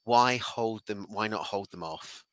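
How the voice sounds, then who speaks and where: A man co-hosting an opinionated wrestling discussion, feeling rough and unwell, pressing his points insistently by repeating phrases. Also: lowish voice, measured pace, no room sound. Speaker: podcast co-host.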